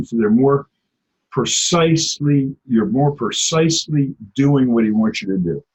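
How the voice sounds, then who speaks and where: A man's voice: medium pitch, a little mellow, breathy edge. A man teaching an informal religious class, talking in a conversational way and telling personal stories. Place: lives in Israel. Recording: dull lo-fi recording.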